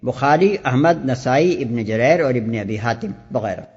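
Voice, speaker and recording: A man reading scripture commentary in a measured, formal way. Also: medium pitch, animated, darkish tone, husky. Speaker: commentary reader. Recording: dull, long reverb.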